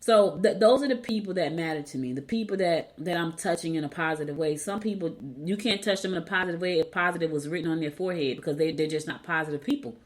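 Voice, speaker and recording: A woman's voice: fairly low pitch, fast, hardly any pauses. A middle-aged woman hosting a motivational solo podcast, speaking candidly with repeated phrases for emphasis, her words slightly slurred and stumbling from braces. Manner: talks with braces, stumbling over words at times. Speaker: podcast host.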